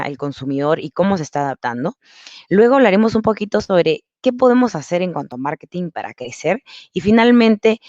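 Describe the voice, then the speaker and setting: A Peruvian woman, a marketing consultant appearing as a guest speaker, gives an upbeat online masterclass over a video call, walking through things step by step. Her voice is on the low side, the audio is lo-fi, and there's no echo.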